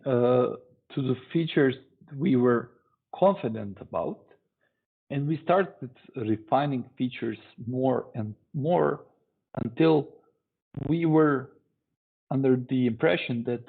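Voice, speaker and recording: Slow, husky man giving a tech talk. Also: medium pitch. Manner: measured, deliberate delivery with pauses. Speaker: conference speaker. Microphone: online talk stream. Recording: tinny phone-like online stream audio.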